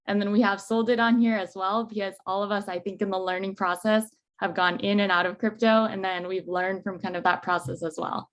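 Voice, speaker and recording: A woman's voice: medium pitch, fairly even intonation, a little fast, hardly any pauses. Friendly woman co-hosting a webinar, loose fillers. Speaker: webinar co-host, product manager.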